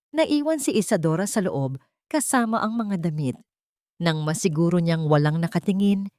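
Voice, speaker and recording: A woman with a Filipino accent narrates a dramatic scripted story as an audiobook reader. Her voice is on the low side and a little mellow, recorded in a clean studio with no echo.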